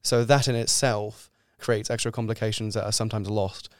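A young man from France, a guest researcher in a podcast interview, explaining at length in a measured way with small restarts. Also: fairly low pitch, flat delivery, smooth, no echo, clean studio sound. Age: young adult.

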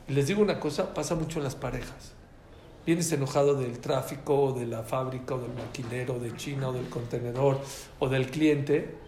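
A man giving an informal, joking talk to a live audience, repeating his key phrases in an animated way. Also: medium pitch, echoey room, a little hiss or hum.

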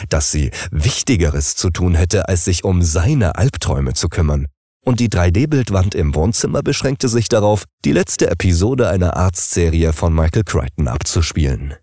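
A man narrating an audiobook in an expressive, wry style. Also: sits low, no echo, studio quality. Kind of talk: scripted narration.

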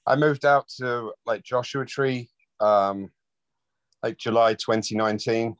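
A laid-back rock bassist from London, United Kingdom, chats casually as a guest in an interview. His medium-pitched voice is smooth and unhurried, with no room sound.

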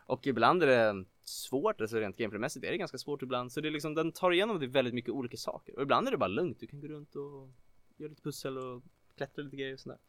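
A man co-hosting a casual chat about video games, rambling with lots of filler words and getting excited. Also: mid-range voice, no room sound. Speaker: podcast co-host.

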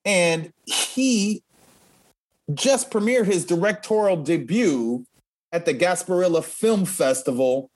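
A man's voice: high voice, expressive, takes it slowly. A man co-hosting a casual show, upbeat and playful, laughing easily with his partner. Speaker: co-host. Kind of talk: casual podcast chat.

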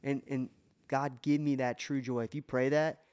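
A man's voice: medium pitch, flat delivery, moderate pace, darkish tone, smooth. Earnest man sharing faith on a podcast. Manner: earnest, emotional testimony with many restarts. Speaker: podcast co-host. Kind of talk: casual faith podcast talk.

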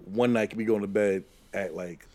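A man's voice: lowish voice, steady tone, moderate pace, a little mellow. Easygoing laughing male podcast co-host. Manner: easygoing, laughs often, repeats himself. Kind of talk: casual chat.

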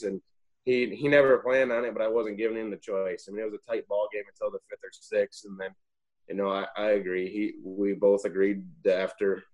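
Low-voiced young man telling stories. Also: a little mellow. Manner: rambling, self-correcting anecdotes. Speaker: former college pitcher, guest. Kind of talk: casual interview storytelling.

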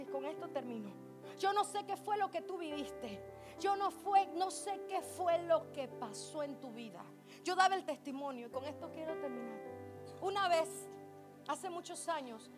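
High-voiced impassioned woman preacher. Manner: impassioned, swings from hushed to shouting. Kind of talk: sermon. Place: church service.

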